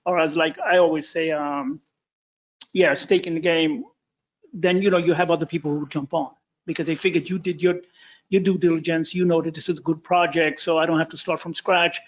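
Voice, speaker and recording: Man, fairly high voice, very fast, eager, stumbling, dull audio. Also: little pitch movement. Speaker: meeting participant. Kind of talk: casual meeting discussion.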